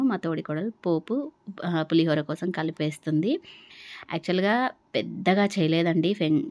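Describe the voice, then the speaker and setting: A woman's voice: on the low side, a little mellow, no room sound. A young adult woman narrating her vlog in a chatty way, with many fillers. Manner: conversational, uses many fillers. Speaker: vlogger.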